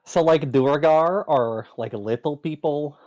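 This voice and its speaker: A man's voice: fairly high pitch, measured pace, darkish tone, muffled recording. Man player, joking drawl, stays in character. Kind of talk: in-character tabletop play.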